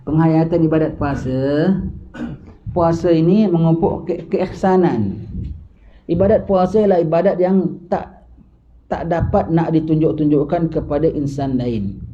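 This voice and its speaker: A man's voice: fairly high pitch, unhurried, pauses often, slight background noise. An older man with a Malaysian Malay accent, giving an informal religious lecture and asking his listeners questions. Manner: conversational, asks listeners questions, mixes in English. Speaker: religious teacher. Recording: dull lo-fi lecture recording.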